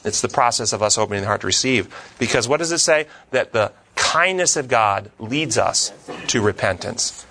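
A man's voice: mid-range voice, lively intonation, normal speed, sharp tone. A man leading a Bible study discussion, quoting scripture earnestly and driving points home with rising, emphatic questions.

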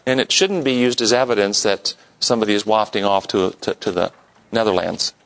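A man's voice: fairly low pitch, brisk, gravelly, a bit bright. A man leading an interactive Bible lesson, talking conversationally and putting questions to his audience. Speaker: Bible study teacher.

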